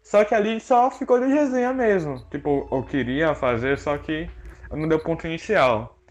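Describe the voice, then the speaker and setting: A man's voice: fairly high pitch, lively intonation, normal speed. A man, a podcast guest, telling a story in slangy, laid-back casual chat.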